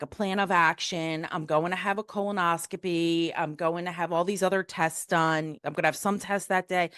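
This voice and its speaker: A woman in her fifties, a guest telling a personal story in a frank, casual, animated way, acting out the people she quotes. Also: on the low side, clean tone, no room sound, clean studio sound.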